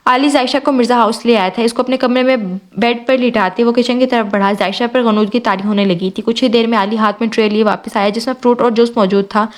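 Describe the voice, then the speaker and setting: Woman narrating an audio novel, higher voice. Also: fairly even intonation, few pauses.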